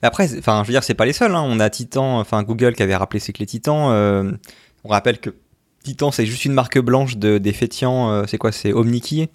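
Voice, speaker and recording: A man's voice: medium pitch, fairly quick, no echo, clean studio sound. A man hosting a casual tech podcast, chatty and hesitant, with many fillers. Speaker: podcast host. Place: lives in Sweden.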